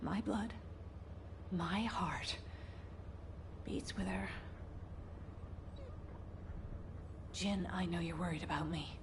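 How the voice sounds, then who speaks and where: A woman's voice: lowish voice, fairly quick, background noise, lightly acted. A woman playing a determined, defiant captain driven by grief, with intense, brooding delivery in a video game drama. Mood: haunted, yearning. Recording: music playing behind.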